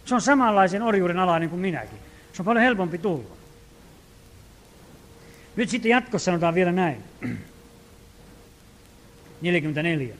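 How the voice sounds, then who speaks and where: High-voiced preaching man. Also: very animated, pauses often. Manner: earnest preaching with dramatic shifts between loud and hushed; acts out quoted prayers and commands. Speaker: pastor. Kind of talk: sermon.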